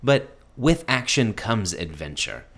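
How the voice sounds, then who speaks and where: A man's voice: fairly low pitch, big pitch swings, takes it slowly, a bit bright. A man co-hosting a podcast, telling personal anecdotes in casual conversation. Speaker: podcast co-host.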